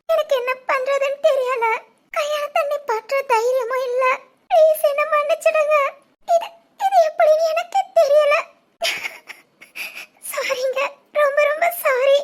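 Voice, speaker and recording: A woman voicing a sobbing young bride, very high. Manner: sobbing, halting, stammering apologies. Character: young pregnant bride, tearful and apologetic. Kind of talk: dubbed cartoon drama.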